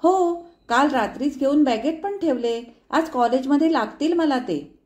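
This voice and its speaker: A woman voicing a college-age daughter who answers flatly and calmly, mixing in English words. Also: high voice, unhurried, voice pushed up. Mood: cool dismissive. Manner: flat, unbothered, mixing in English.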